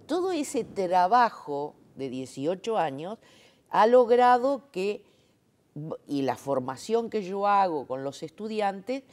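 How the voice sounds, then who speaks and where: In a slow, sing-song voice of medium pitch, a woman talks through her views as a sign language interpreter being interviewed. The exchange is conversational, and she stresses her points while using many fillers and rhetorical checks.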